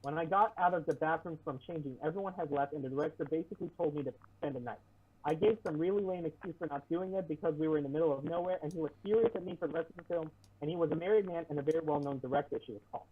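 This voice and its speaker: A man's voice: fairly high pitch, rapid-fire, breathy edge. A man reading an article aloud on an online talk show, adding sarcastic asides and often stumbling and restarting. He sounds muffled, as if heard through a wall. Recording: muffled, distant, lo-fi mic with popping and faint hiss.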